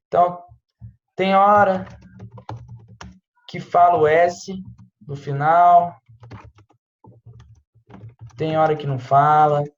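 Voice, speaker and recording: A man's voice: fairly high pitch, fairly even intonation, slow pace, long pauses, echoey room, lo-fi sound. A man, teaching an informal online French lesson in a chatty way, often checking in with "tá?" and "né?". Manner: chatty, peppers speech with "tá?" and "né?". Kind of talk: casual online language lesson.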